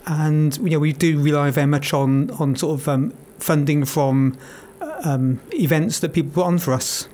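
A man's voice: a little high, fairly even intonation, normal speed, darkish tone, slight background noise. A man being interviewed as an event organiser in a radio studio, answering steadily with frequent "you know" fillers.

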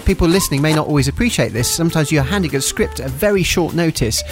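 A man's voice: on the high side, lively intonation, fast. A man, a radio presenter, chatting casually in a studio discussion. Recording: music playing behind the voice.

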